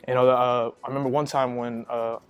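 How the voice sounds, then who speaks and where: A man's voice: mid-range voice, level tone, a little fast, clear, resonant tone, soft background music. A young man giving a casual youth sermon, rambling and packing his talk with filler words. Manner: rambling, heavy with "you know" fillers. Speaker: youth minister.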